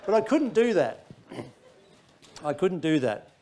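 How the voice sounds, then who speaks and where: A middle-aged Australian man preaching from the pulpit, telling a personal story. His voice sits high and swings widely, dropping to near-whispers and rising to bursts, with laughter running through his lines. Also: sing-song, measured pace, warm tone, slight background noise. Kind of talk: sermon testimony.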